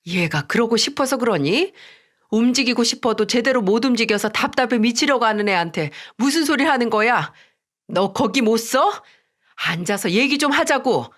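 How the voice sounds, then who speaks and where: A woman's voice: a little high, animated, moderate pace, fairly bright tone. A woman voicing an angry older mother-in-law who sternly scolds her daughter-in-law in a radio story drama. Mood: stern scolding.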